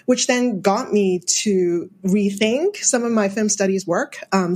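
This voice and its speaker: A woman's voice: medium pitch, a little mellow. A middle-aged woman from Hong Kong, a film studies professor, answering interview questions thoughtfully, with fillers and light laughs.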